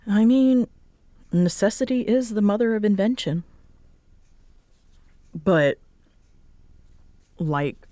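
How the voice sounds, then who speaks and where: In a roleplay audio drama, a woman with a mid-range voice and no echo plays a young tsundere roommate who is guarded, grudgingly warm and easily flustered. Her delivery is halting and wry, sounding impressed yet awkward.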